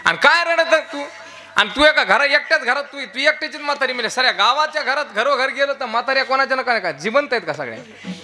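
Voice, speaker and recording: A man playing a blunt, tactless village friend who scolds a grieving man loudly. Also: extremely high pitch, expressive, fast, pitched above the performer's own voice, full character voice. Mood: scolding. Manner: loud, scolding, mocking.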